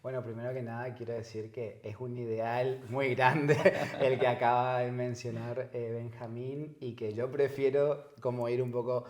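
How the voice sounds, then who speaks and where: A man's voice: medium pitch, flat delivery, unhurried, hardly any pauses, crowd noise. A man from northern Argentina with an Argentine accent, a psychologist guest in an interview, speaking reflectively and repeating words as he searches for phrasing. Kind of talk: conversational interview. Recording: echoey room.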